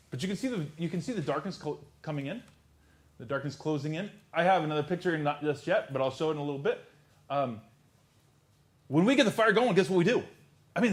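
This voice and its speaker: A man preaching a sermon. He swings from loud outbursts to hushed near-whispers and repeats words as he builds a point. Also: a little high. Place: church service.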